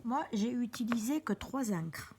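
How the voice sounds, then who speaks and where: A woman's voice: on the high side, lively intonation, a little slow, a little mellow, slight background noise. A woman giving a chatty step-by-step card-making lesson at her craft table. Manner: chatty, step-by-step, with small restarts. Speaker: craft teacher.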